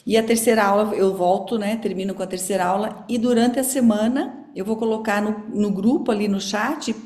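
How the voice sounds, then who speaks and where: A woman's voice: medium pitch, fairly even intonation, fairly quick, a little mellow, reverberant. A woman with a Brazilian accent teaching an online class in a casual, chatty way with many fillers. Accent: Brazilian Portuguese. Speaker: course teacher.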